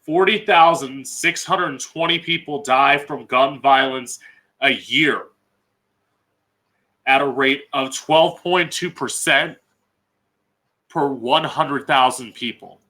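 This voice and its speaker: A man's voice: mid-range voice, slow, pauses often, pushed and bright, rough recording. An American man hosting as a drag queen, giving blunt, emphatic opinionated commentary with frequent swearing. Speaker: drag queen podcast host.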